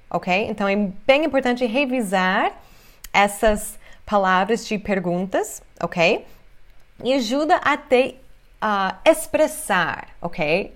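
Slow, animated woman teaching English. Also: medium pitch. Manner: repeats phrases slowly for pronunciation, animated gestures. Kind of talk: online English lesson for Portuguese speakers.

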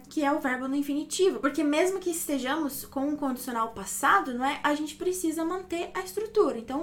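A woman teaching Italian grammar, explaining step by step and checking in often with the listener. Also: high-pitched. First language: Portuguese. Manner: explanatory, checks in with frequent "ok?" and "não é?".

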